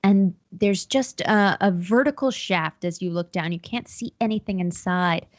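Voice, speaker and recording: A woman's voice: lowish voice, moderate pace, no room sound, highs cut off. A woman running a tabletop horror game as game master, describing scenes with frequent ums and restarts.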